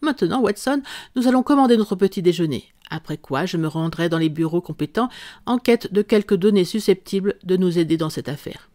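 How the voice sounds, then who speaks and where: A reader voicing a calm, ironic male detective who lays out his reasoning in an audiobook. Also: mid-range voice, a little fast, no echo, studio quality, natural voice. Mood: composed, amused. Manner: composed, dryly amused, explanatory. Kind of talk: audiobook character reading.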